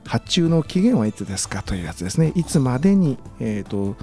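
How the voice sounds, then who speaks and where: A male lecturer explains business phrases on the radio in an easygoing way, full of fillers. His tone is mellow and dark, but his pitch moves a lot. Faint music sits under the studio sound. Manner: relaxed, many fillers, slow careful English examples. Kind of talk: radio lesson chat.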